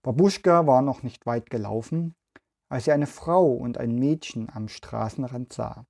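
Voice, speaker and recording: Guy reading a bedtime-style story for kids, slow and mellow, gentle. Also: medium pitch, vocal fry. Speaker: children's podcast host and storyteller. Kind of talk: storybook read-aloud.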